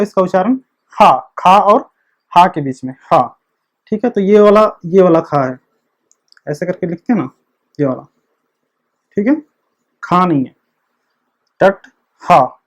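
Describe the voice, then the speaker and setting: A man giving an online video lecture, explaining slowly and step by step while he writes. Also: sits high. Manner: slow, step-by-step explaining, repeating the same check word. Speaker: teacher of a script.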